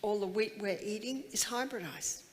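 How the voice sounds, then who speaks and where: A woman's voice: mid-range voice, normal speed, long reverb tail, slight background noise. A woman giving a health seminar to a live audience, emphatic and full of rhetorical questions.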